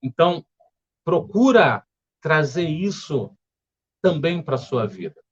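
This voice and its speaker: A man with a Brazilian Portuguese accent leading a spiritual study group, speaking in a calm, gentle, explanatory way. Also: fairly high pitch, slow, breathy edge, highs cut off. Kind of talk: reflective spiritual study talk. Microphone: home setup with earphones.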